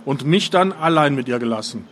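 A man's voice: mid-range voice, lively intonation, brisk, a little hiss or hum, natural voice. A man voicing a bitter young man confronting his father, in a curt, biting manner.

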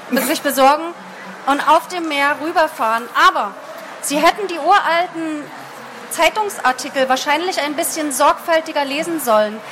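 A woman's voice: high voice, a bit bright, a little hiss or hum, poor audio. A woman casually summarizing a story to introduce a book reading, with some hesitations. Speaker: presenter.

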